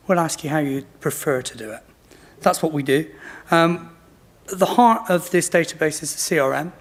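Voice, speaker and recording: Higher-voiced British RP man, late fifties. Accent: modern British RP. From Bristol, England. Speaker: company representative presenting. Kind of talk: informal product presentation.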